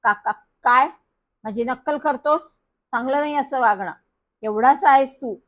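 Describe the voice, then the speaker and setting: A woman's voice: fairly high pitch, measured pace, a bit bright. A woman doing a stammering kindly old author. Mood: angry. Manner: stammers on first syllables. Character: kindly middle-aged male author who stammers.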